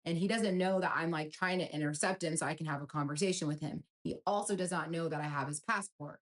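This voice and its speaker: A woman's voice: sits low, fast talker. A young woman telling a personal story with earnest emotion, in a casual storytime style.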